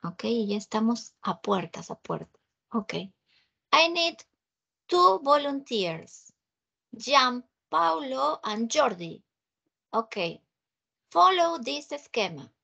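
A woman's voice: on the high side, sing-song, very slow, vocal fry, long pauses, pushed and bright, husky. A woman with a Peruvian Spanish accent teaching English over a video call, patiently repeating herself and checking that students understand. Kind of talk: online class, mixing Spanish and English.

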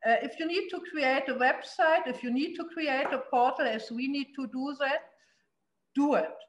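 On a panel discussion held over video call, a German-accented woman who works as a city investment promotion official speaks at normal speed in a high voice. She is earnest and emphatic with frequent restarts and fillers, recorded by her laptop webcam in a roomy indoor space at home.

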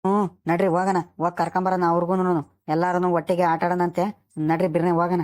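A woman's voice: fairly low pitch, flat delivery, quick pace, a little mellow, natural voice. A woman voicing an easygoing village boy, talking his friends into a game. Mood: coaxing. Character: easygoing village boy who suggests games. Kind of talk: cartoon voice acting.

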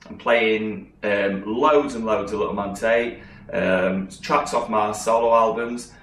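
Brief: cheeky frontman, slow hesitant patter, echoey room. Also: fairly low pitch, a bit bright, far from the mic, a little hiss or hum. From Sheffield, England. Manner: chatty, hesitant with many ums, cheeky. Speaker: musician promoting a gig. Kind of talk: comic promo chat. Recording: roomy sound, a little off-mic, guitar in background.

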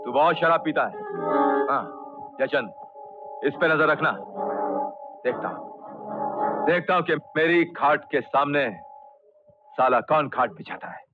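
An actor playing a bullying gang boss in an old Hindi film, talking in threats. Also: male voice, fairly high pitch, unhurried, pauses often, close to an everyday voice. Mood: menacing. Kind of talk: 1990s Hindi film acting. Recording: dull old film soundtrack with music.

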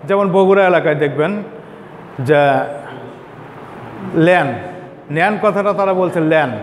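A man giving a classroom lecture, explaining slowly and repeating example words. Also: high voice, a little hiss or hum. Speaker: teacher. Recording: echoey room with faint ambience.

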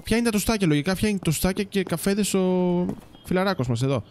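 A man's voice: sits high, expressive, darkish tone, slight background noise. A man giving casual let's-play commentary, chatting to viewers and teasing the game's characters. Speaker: gaming YouTuber.

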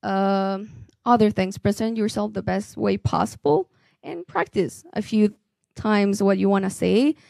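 A young Ecuadorian woman in her twenties, speaking as a graduate, offers earnest, encouraging advice to students into a handheld mic in a conference room, using many fillers. Her voice is medium-pitched, unhurried, creaky and warm, with no echo.

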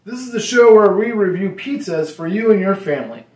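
A man in his forties hosting a home pizza review show from his dining table. He talks in an easygoing way, asks his son questions, and fills pauses with ums and likes. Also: sits high, animated, a little mellow. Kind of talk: casual food review chat. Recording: roomy home echo.

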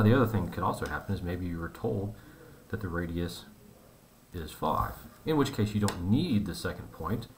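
A man teaching a math lesson, explaining step by step in a relaxed, conversational way. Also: deep voice, slight background noise.

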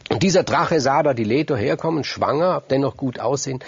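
A storyteller talks his way through Greek myths freely and conversationally, emphasizing with repeated words and addressing listeners directly. His medium-pitched voice is gravelly and slightly rough, moving a little fast. The lo-fi recording carries no room sound.

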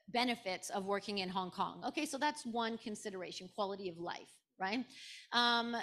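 A middle-aged woman from Canada talks on stage at a business conference, holding a microphone in front of a seated audience. She lays out her reasoning point by point and often pauses to ask "right?". Her voice sits at an ordinary middle pitch. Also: fairly bright tone. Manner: explains in numbered points, often adds "right?". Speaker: guest speaker. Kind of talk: conference panel conversation. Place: large conference room with an audience.

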